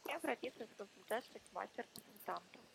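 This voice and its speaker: A woman works as a call centre operator, talking quickly with a creaky edge. She is formal and polite, heard over a noisy phone line. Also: medium pitch, animated, a bit bright. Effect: telephone line. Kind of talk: customer service phone talk.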